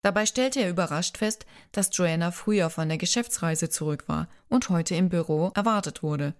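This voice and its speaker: A woman's voice: lowish voice, normal speed. A woman reading a romance novel aloud as narrator, lightly voicing the characters' lines. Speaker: audiobook narrator. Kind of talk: scripted narration.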